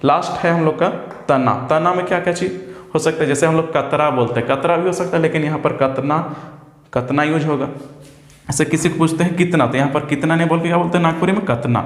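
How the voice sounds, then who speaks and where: A young man, teaching an exam-prep lesson in a casual style and answering his own questions. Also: a little high. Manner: asks questions and answers them himself, drawn-out example words. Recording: echoey room with long reverb.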